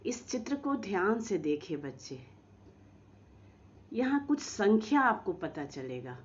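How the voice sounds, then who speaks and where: A woman's voice: medium pitch, very animated, highs cut off. A woman teacher giving a recorded lesson to young children, drawing out example words and coaxing them with questions. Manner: slow, drawn-out pronunciation of example words. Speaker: school teacher.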